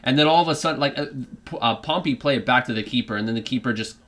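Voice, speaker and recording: A man's voice: mid-range voice, rapid-fire, a bit bright. A man with a put-on British accent giving rambling live football reaction commentary, full of fillers and restarts. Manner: rambling, many fillers and restarts, drifts off topic. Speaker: fan streaming a live match reaction.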